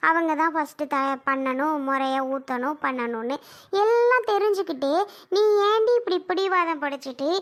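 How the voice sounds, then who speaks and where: A caring but stern aunt from a family drama skit, played by a woman in a very high, thin voice. She scolds and comforts in the same breath, with blunt, homely talk. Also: normal speed, fairly bright tone. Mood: scolding. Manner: scolding, comforting, in colloquial speech.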